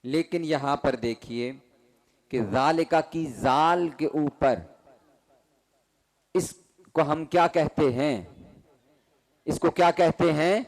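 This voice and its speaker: A man's voice: on the high side, long pauses. A man teaching a Quran recitation class, asking questions and having students repeat terms in rhythm. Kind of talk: classroom call-and-response lesson.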